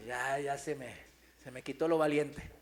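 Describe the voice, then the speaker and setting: A male pastor preaching a sermon, swinging from loud proclaiming to quiet storytelling and putting rhetorical questions to the congregation. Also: medium pitch. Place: church.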